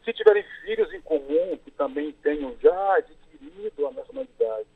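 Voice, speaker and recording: Heard through a thin, tinny phone line, a Brazilian lawyer answers interview questions step by step in a measured way, pausing on fillers along the way. His husky voice sits a little high and swings hugely in pitch.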